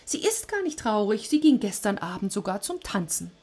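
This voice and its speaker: A woman's voice: mid-range voice, big pitch swings, moderate pace, darkish tone, slightly rough. A woman voicing two ghostly male underworld messengers who report back eagerly, reading a Greek myth aloud.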